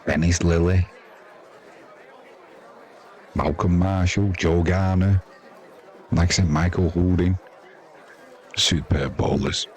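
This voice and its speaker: Deep, steady and darkish, this man's voice is unhurried and leaves long pauses. He's an older British sports commentator, 50s or older, offering chatty, rambling, colloquial ball-by-ball cricket commentary over background crowd noise.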